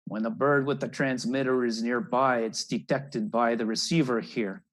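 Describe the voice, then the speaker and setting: An older man speaks at normal speed in a mid-range voice with fairly even intonation, reading a children's picture story and explaining it as a naturalist. The clip comes from an indoor video call recorded on the computer's microphone.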